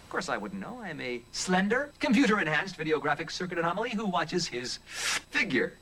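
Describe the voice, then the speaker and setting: Casting: a wisecracking cartoon computer glitch host, bright, wildly bouncy, stammering and giggly. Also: male voice, a little high, very animated, brisk, heavily acted. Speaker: fact-spouting cartoon host. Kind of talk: children's TV cartoon segment.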